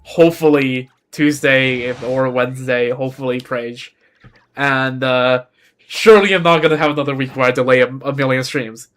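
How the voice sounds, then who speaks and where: A young Beijing native whose first language is Chinese streams games and chats casually, rambling and revising what he says. His mid-range voice is a bit bright and moves at a moderate pace.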